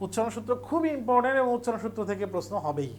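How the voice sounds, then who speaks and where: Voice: mid-range voice, very animated, rapid-fire, slight background noise. Teacher, exam revision lecture, step-by-step explaining, repeats key points.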